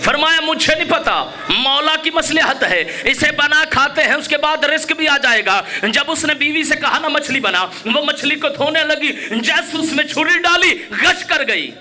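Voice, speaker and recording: A man with a Pakistani Urdu accent delivering a storytelling sermon at a majlis, acting out the dialogue and building to shouted climaxes. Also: very high voice, moderate pace, hardly any pauses. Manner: dramatic, acts out dialogue, rises to shouted climaxes. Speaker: Shia cleric reciting a majlis. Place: mourning gathering hall.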